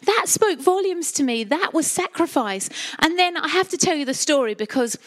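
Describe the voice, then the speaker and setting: A woman's voice: high voice, expressive, moderate pace. A middle-aged woman with an Essex accent giving a sermon, chatty and colloquial, with personal stories and rhetorical questions. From Essex, England. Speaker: church preacher.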